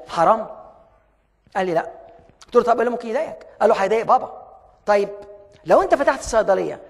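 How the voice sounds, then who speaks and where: A man with an Egyptian accent gives a motivational talk as a coach. He repeats his points, asks rhetorical questions, and acts out both sides of conversations. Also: high-pitched. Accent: Egyptian Arabic. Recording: long hall reverb.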